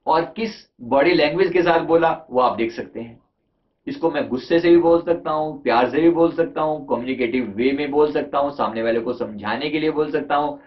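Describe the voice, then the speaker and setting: A male life coach gives a conversational motivational talk about communication, asking listeners rhetorical questions and mixing in English terms. His voice is medium-pitched, and the recording is dull and lo-fi.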